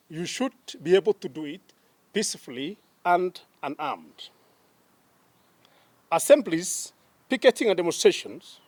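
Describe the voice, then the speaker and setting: A man with a Kenyan accent, a police spokesman reading a formal statement in a deliberate, emphatic way. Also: high voice, darkish tone, no room sound. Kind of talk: official press statement.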